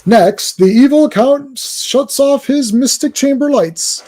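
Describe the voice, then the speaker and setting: A man voicing a dramatic old-time radio announcer in an old radio show narration style, with a booming, drawn-out delivery. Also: mellow, full character voice. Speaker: comic read-along streamer.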